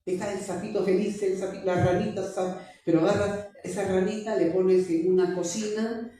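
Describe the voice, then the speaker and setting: A man's voice: sits high, steady tone, moderate pace, dark tone. A man preaching a sermon as pastor, emphatic and repeating his key phrases. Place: church. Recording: echoey church hall, distant mic.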